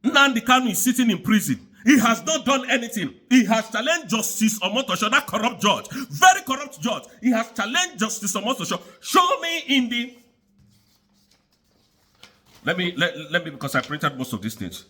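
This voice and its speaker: High-pitched, animated man ranting. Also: moderate pace, slightly rough. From Nigeria. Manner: angry, repetitive, preaching tone. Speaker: commentator. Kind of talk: impassioned political rant.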